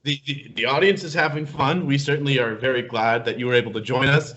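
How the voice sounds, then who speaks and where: A man's voice: medium pitch, fairly even intonation, quick pace, over a noisy crowd. A man hosting a casual interview, genial and often repeating words as he finds his phrasing. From Middle East. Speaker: podcast host.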